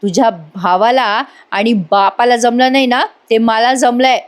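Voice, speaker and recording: A woman's voice: fairly high pitch, fairly even intonation, measured pace, lightly acted. A woman voicing an obsessive, menacing young man holding people at gunpoint, barking threats and orders.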